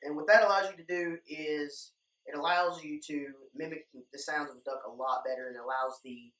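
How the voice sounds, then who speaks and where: Echoey, higher-voiced young man giving casual instructions. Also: steady tone, normal speed, fairly bright tone. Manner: informal, plain-spoken, addressing viewers as guys. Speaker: duck calling instructor, video host. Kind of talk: casual instructional talk to viewers. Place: indoor room lined with duck decoys. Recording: echoey room, distant microphone.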